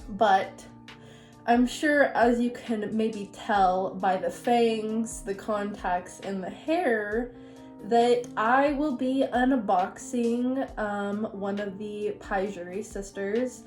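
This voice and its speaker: A woman's voice: mid-range voice, slow, darkish tone, soft background music. A young woman, congested from a recent illness, chatting casually through an unboxing with lots of fillers and asides. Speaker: figure collector and vlogger. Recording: roomy home recording.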